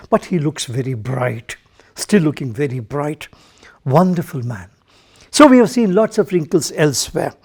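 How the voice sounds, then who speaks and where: Male Indian English schoolteacher, high-pitched, unhurried recorded lesson. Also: darkish tone. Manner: slow, repetitive, addresses pupils directly. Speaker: English teacher.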